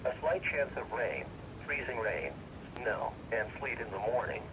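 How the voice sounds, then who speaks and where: A scripted forecast is read over weather radio by a male announcer whose synthesized voice is medium-pitched, animated and a bit slow, yet formal and impersonal. The broadcast sounds noisy and far away.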